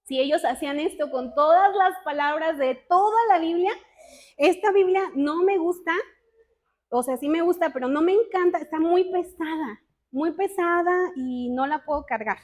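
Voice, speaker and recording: A woman with a high voice leads a casual Bible teaching for a women's group. She talks in a chatty, self-mocking way and keeps asking her listeners questions. When she reads scripture she slows down and weighs each word. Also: a little mellow. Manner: reads scripture slowly and deliberately. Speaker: women's ministry speaker.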